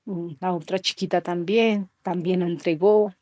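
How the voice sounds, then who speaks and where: A woman in her thirties from Colombia, giving emotional personal testimony in an interview, slow and halting with soft trailing lines. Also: lowish voice, steady tone, dry recording, studio quality. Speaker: interview guest.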